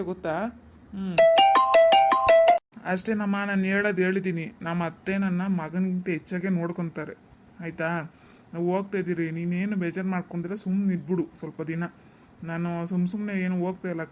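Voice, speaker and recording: A man's voice: high-pitched, a little mellow, slight background noise, close to an everyday voice. A man voicing a grown son in a cartoon story, firm and dismissive toward his mother. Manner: firm, dismissive, growing angry. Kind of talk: cartoon dubbing.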